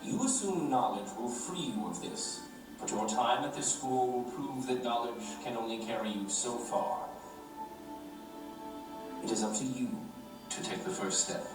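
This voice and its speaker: Solemn, measured cartoon headmaster, played by a man; distant and very echoey, music behind. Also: medium pitch, close to an everyday voice. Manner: measured, solemn address with deliberate pauses. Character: calm, enigmatic male headmaster addressing new students. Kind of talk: animated series voice acting.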